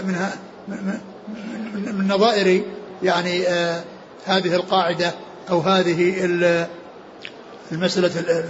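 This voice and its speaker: A man teaching a classical text in a lecture, pausing often and repeating words as he explains. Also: sits high, muffled recording, slight background noise. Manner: halting, many repeated words and restarts. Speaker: hadith teacher.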